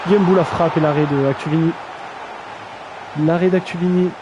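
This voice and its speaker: A man's voice: a little high, fairly even intonation, moderate pace, background noise. A young man casually commentating a video game match on a live stream, slangy and self-mocking, often stumbling over player names.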